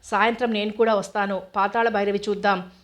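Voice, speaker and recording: A woman's voice: mid-range voice, little pitch movement, brisk, lightly acted. A woman reading the lines of a fussing, affectionate middle-aged mother who scolds fondly. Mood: fond scolding.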